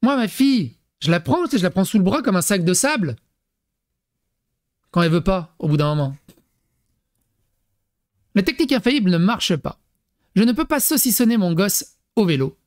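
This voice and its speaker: A man commenting comically on a parenting text he reads aloud, with animated, crude talk and mock acting mixed in. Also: high-pitched, normal speed, pauses often. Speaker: YouTube commentator.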